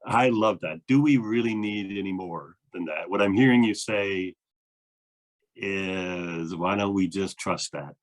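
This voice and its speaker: A man's voice: low-pitched, unhurried. A man, a minister, interviewing a guest in an earnest, thoughtful way with frequent fillers. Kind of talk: reflective conversation.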